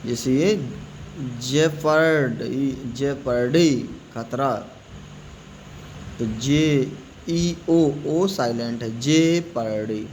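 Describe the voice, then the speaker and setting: A man teaching English pronunciation, slowly spelling out words letter by letter and repeating them. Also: on the high side, a little mellow, a little hiss or hum, low-quality recording. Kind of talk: spoken classroom-style lesson.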